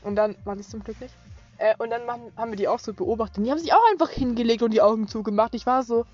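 A young woman vlogger chatting casually, telling stories with lively acted-out quotes and frequent laughter. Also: a little high, racing. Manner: animated storytelling, acts out friends' quotes, laughs often. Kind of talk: casual chat. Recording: lo-fi dull sound.

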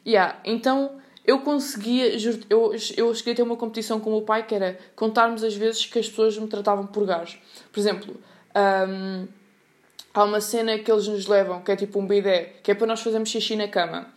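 A woman's voice: mid-range voice, flat delivery, fairly quick. A young woman with a European Portuguese accent, telling a funny personal story in a casual, slangy podcast monologue, often laughing. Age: young adult. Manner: chatty, slangy, laughs at her own story. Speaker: podcast host.

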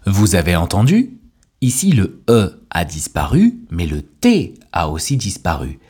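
A man hosting a podcast as a language teacher, giving a scripted lesson with clear, deliberate delivery. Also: low-pitched, wildly swooping pitch, darkish tone. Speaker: French teacher and podcast host.

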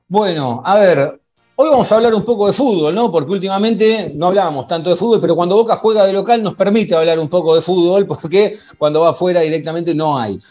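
A man with an Argentine accent hosting a football podcast in a conversational, halting way, often repeating himself. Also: sits high, darkish tone. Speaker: sports podcast host. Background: faint music.

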